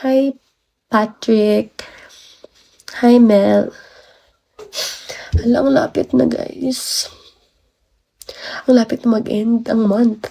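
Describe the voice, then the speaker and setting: Slow, creaky teen girl livestreaming. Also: on the high side, steady tone, warm tone. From Philippines, from Baguio. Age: 19, late teens. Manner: chatty, greets and thanks viewers by name, playful questions. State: has a cold, tired and achy. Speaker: livestreamer, college student. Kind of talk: casual livestream chat greeting viewers.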